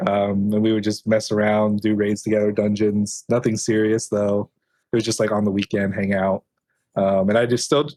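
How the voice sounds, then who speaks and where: A young man in his twenties on a gaming podcast, telling his story in a halting way with many ums. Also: fairly low pitch, dry recording. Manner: halting, lots of ums and restarts. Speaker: podcast co-host. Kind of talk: casual chat.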